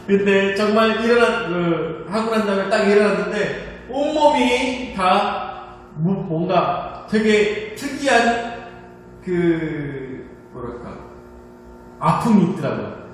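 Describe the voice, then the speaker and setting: A man preaching a sermon, telling a personal story in an animated way and laughing at himself. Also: high voice, takes it slowly. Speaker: pastor. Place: church hall. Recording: echoey hall, distant mic, faint hum.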